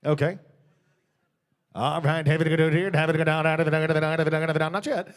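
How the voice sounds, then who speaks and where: A man calls a live auction at a very quick pace in a slightly high voice. His chant loops short filler phrases and numbers over and over. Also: flat delivery. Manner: rapid-fire repeated filler phrases and numbers.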